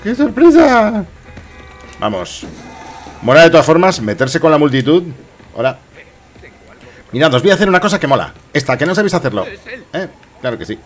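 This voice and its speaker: A man's voice: on the high side, animated, fast, pauses often. A man in his fifties with an accent from Spain, giving casual, jokey gameplay commentary and muttering to himself. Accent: Spanish from Spain. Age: 50s. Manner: jokey, muttering to himself, echoing the game's lines. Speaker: game streamer. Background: game music.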